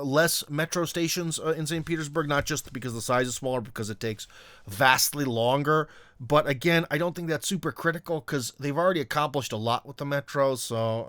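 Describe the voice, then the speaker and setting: Rambling man, smooth dry voice. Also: medium pitch, fairly bright tone, no echo. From Ohio, USA. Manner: rambling, many fillers and restarts. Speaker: vlogger. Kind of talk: casual unscripted monologue.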